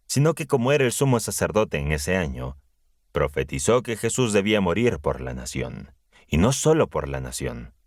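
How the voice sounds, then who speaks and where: Male narrator, very low voice, solemn measured reading, dry sound. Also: no echo. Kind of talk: scripted Bible audiobook narration.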